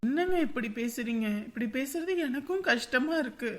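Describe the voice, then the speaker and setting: A woman's voice: high voice, lively intonation, normal speed. An actress playing a young wife who pleads with her husband in a family drama. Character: young wife leaving for mother's home.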